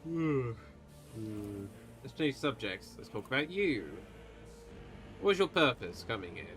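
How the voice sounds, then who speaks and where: Brief: man game master, bright forceful tone, mid pitch, narrating a tabletop session. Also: sing-song, a little slow, faint music behind. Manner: descriptive narration mixed with casual asides.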